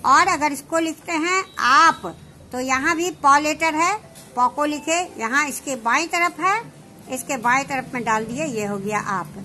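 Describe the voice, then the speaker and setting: A woman teaching shorthand, explaining each step slowly and checking whether her students understand. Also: sits high, pushed and bright, a little hiss or hum. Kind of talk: slow classroom explanation.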